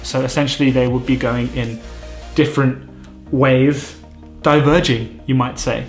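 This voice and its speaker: A man's voice: medium pitch, steady tone, unhurried. Man explaining words, echoey room. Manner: clear, explanatory, with light jokes. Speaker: vocabulary teacher, channel host. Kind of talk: explaining vocabulary to camera. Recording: echoey room with faint music.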